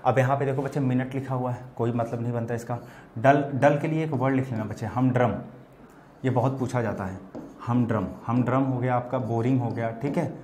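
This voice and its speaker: Guy teaching english words in hindi, keeps saying theek hai, drags out the examples slow. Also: mid-range voice, darkish tone, a little hiss or hum. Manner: addresses students as bachelors "bachche", repeats "theek hai" often; stretches out words and example sentences slowly. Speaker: vocabulary teacher. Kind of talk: classroom vocabulary lesson.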